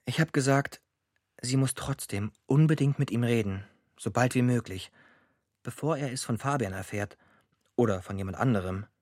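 Narrating a radio drama over clear music, a man speaks as a grown son recalling his family's troubles in short, dry, matter-of-fact sentences. His first-person voice is medium-pitched, a little mellow and close to everyday speech, at a moderate pace with no room sound.

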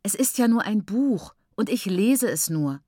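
A defiant, bored teenage girl, as a woman reading a novel puts her on, whining and protesting in a raised, higher voice than the reader's own. The reading is close and dry. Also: animated, measured pace, warm tone, dry recording. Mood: petulant. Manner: petulant, protesting.

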